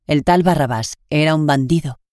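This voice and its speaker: A reader with a Spain Spanish accent reading the Gospel aloud in a steady, measured way. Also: mid-range voice, dry recording, studio quality. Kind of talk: scripture reading.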